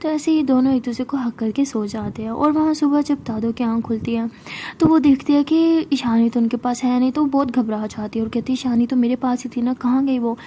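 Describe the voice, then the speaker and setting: A woman telling a story in a chatty, conversational way. Her voice is high and mellow, with a faint hiss underneath. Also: a little fast. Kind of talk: casual spoken storytelling.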